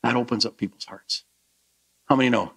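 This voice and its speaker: A male pastor giving a lively sermon to his church, then leading a soft closing prayer. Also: medium pitch, fairly quick, husky. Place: church sanctuary.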